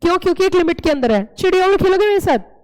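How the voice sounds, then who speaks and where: A woman teaching a class, playful and lively, quizzing students with repeated questions. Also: very high-pitched, rapid-fire, low-quality recording. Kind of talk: classroom lecture.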